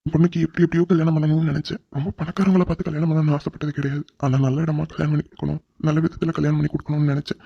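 Man doing earnest bride's dad in a cartoon, pleading, fast, dull lo-fi audio. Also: a little high, level tone, creaky, slightly rough, no echo. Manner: pleading, heartfelt. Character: middle-aged father of the bride, tearful and earnest. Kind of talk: cartoon drama voice acting. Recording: dull lo-fi recording.

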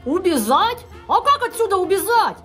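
A man voicing a cheeky, naive six-year-old boy with a childish lisp in a comedy sketch, his voice pitched up. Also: very animated, moderate pace, pushed and bright, soft background music, heavily acted. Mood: naive, chatty.

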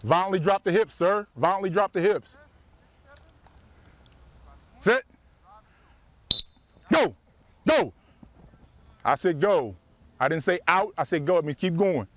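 A man with a high voice coaches a football practice outdoors. He yells from the sidelines in clipped, repetitive commands, picked up by a camera a few steps away. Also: expressive, takes it slowly, pauses often. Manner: yelling from the sidelines. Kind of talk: drill instructions on the practice field.

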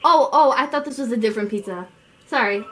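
A woman's voice: on the high side, quick pace, fairly bright tone. A teenage female chatting casually and making prank calls in a small room, picked up by a camera mic. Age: teens. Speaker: prank caller, video co-host. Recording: noisy room, slightly distant camera mic.

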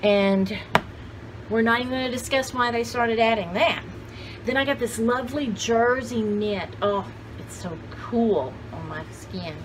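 A woman in her sixties hosts a vlog showing off thrift haul finds, chatting casually to camera from a cluttered indoor home craft room. Her voice is on the high side and measured in pace as she rambles enthusiastically with exclamations, over a clearly noisy home video background.

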